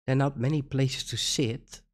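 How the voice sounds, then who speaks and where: A woman's voice: a bass voice, fairly even intonation, normal speed. A Dutch woman hosting a casual reaction video, talking with frequent laughter and incredulous rhetorical questions. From Netherlands. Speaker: reaction channel host.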